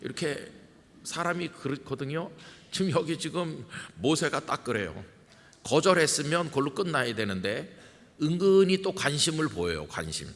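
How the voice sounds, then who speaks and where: A man's voice: on the high side, sing-song, moderate pace, fairly bright tone. A middle-aged man, a senior pastor, preaching in a conversational way and putting questions to his congregation. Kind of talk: sermon. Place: large church sanctuary. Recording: church hall with long reverb.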